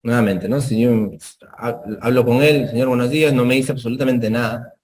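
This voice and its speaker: This medical lecturer keeps a steady, medium-pitched voice with a darkish tone at normal speed. Step by step he explains, finishing phrases with tag questions and staging little dialogues with patients.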